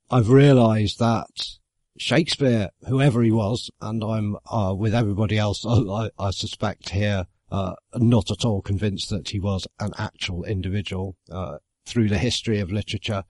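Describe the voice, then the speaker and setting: A man, musing aloud in a relaxed, rambling way about acting, often stopping to correct himself and adding wry asides. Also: on the low side, no room sound, studio quality. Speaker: amateur actor. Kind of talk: casual reflective monologue.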